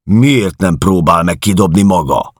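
A man voicing a hulking, bullying male officer who shouts with contempt. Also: deep voice, no echo, studio quality, voice pushed up. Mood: angry bullying.

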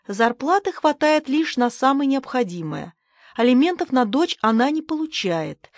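A woman's voice: high voice, dry recording, clean studio sound. A woman narrating a detective novel as an audiobook, in a wry, level storytelling manner.

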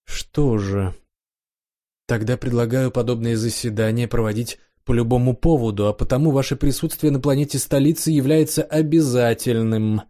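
A male narrator voicing a prime minister in an audiobook, formal and measured. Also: medium pitch, dark tone, natural voice. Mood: commanding.

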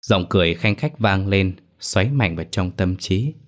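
A man reading a horror story aloud as a storyteller, in a measured, slow manner. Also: low voice, expressive. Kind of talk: scripted horror story narration.

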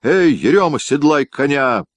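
A man's voice: fairly low pitch, lively intonation, a little slow, no room sound. A man voicing a stern, scolding nobleman husband. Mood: flustered, barking. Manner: scolding, pompous, shouting. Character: stern, suspicious nobleman husband, hot-tempered.

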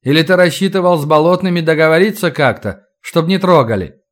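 A man voicing a calm warrior who speaks in a measured, blunt way. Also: on the high side, lightly acted. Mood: cool.

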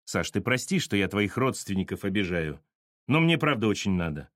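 Calm wry businessman, man reading him, even-toned, dry close sound. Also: on the low side, moderate pace, no echo, voice pushed down.

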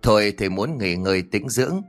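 A man playing an elderly exorcist master who speaks calmly and with authority. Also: fairly low pitch, a little fast, faint music behind.

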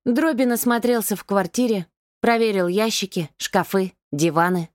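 A woman narrating a crime novel chapter in an even, steady storytelling voice, recorded dry. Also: mid-range voice, moderate pace, dry recording. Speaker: audiobook narrator.

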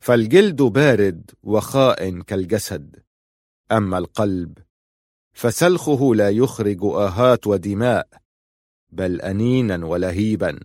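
A man reading the part of a cold, vengeful male ruler who speaks calmly and mockingly. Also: on the low side, a little slow, no room sound, studio quality. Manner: calm, cutting and mocking.

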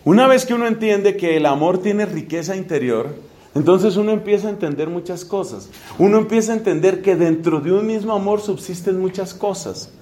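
A man's voice: high voice, fairly quick, darkish tone. A Colombian priest in his fifties with a Colombian Spanish accent, giving a theological lecture in a conversational way and putting questions straight to his listeners. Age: 50s.

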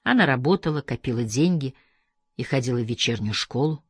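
A man reading an audiobook aloud in a measured, steady scripted narration. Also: medium pitch, breathy edge, no room sound, clean studio sound. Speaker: audiobook reader.

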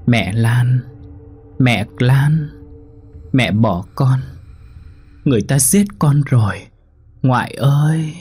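A small ghost child's voice, pitched high above a man's usual register and full of plaintive, tearful begging, as a male storyteller puts it on. The voice is slightly husky underneath. It belongs to a spoken ghost story. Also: lively intonation, takes it slowly, pauses often, a little mellow, soft background music, full character voice. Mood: pleading, mournful. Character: ghost of a small unnamed child, beaten and abandoned, pleading.

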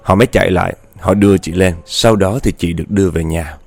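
A man's voice: deep voice, quick pace, gravelly, soft background music. A man telling a ghost story in a chatty, dramatic way, often speaking straight to his listeners.

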